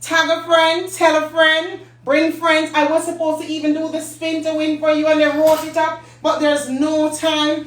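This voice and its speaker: Speaking at normal speed with few pauses, this high-voiced woman from Jamaica keeps a completely flat delivery. She's the host and company CEO, giving away a prize on a relaxed live stream while laughing a lot and poking fun at viewers. It was recorded far from the mic in an echoey room.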